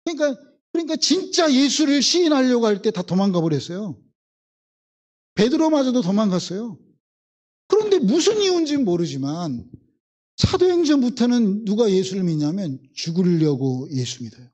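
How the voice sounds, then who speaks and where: A man's voice: high voice, sing-song, moderate pace, a little mellow, highs cut off. A male pastor from the Jeolla region, preaching a sermon and acting out biblical voices with emphatic repetition. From Jeolla, South Korea.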